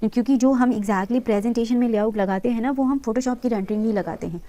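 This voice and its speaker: Woman instructor, slightly high and warm tone, patient step-by-step tutorial delivery. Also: brisk. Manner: patient, talks viewers through each step, mixing English terms into her talk. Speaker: interior design instructor. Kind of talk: screen-recorded software tutorial.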